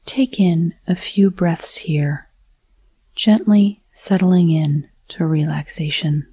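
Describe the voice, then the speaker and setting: Breathy whispering woman, slow calm meditation guide, dry close mic. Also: sits low, dry recording, rough recording.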